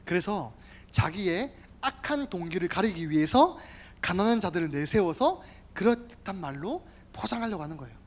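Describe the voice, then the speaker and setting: Youth pastor, sermon, very lively pitch, emphatic repeated words, speaks straight to listeners. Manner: animated, addresses listeners directly, repeats key words.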